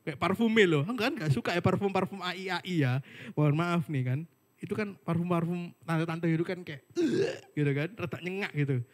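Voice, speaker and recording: A man's voice: high-pitched, fairly quick. A young man giving a casual, chatty sermon full of jokey asides and slang. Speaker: worship speaker. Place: online worship service.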